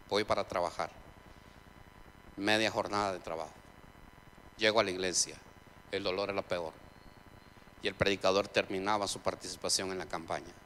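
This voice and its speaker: A man preaching a sermon testimony in a church, telling his story dramatically, swinging between loud preaching and quiet narration. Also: low-pitched. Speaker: pastor. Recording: church hall reverb, faint noise.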